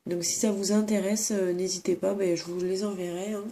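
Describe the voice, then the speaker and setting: A woman's voice: mid-range voice, fairly even intonation, fairly quick, dark tone. A sick, sniffling woman in a room at home, casually showing craft supplies with many hesitant fillers and self-corrections. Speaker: crafts vlogger. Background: crinkling plastic bags.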